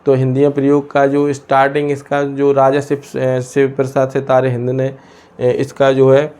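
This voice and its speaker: Hindi teacher, self-questioning lesson. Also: male voice, mid-range voice, monotone, moderate pace, a little mellow. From India. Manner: asks and answers his own questions, many hesitations. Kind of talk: explaining a lesson.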